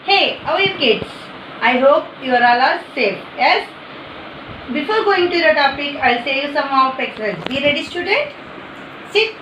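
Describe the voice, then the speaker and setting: A woman's voice: sits high, animated, normal speed, echoey room, noisy background. A woman teaching an online class for young children, giving simple, repeated instructions in nonstandard grammar. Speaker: primary school teacher.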